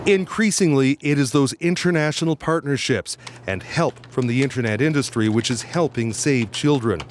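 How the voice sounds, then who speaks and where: A male news reporter reads a scripted report in a measured, steady manner at a middle pitch. A faint hum of noise sits behind him.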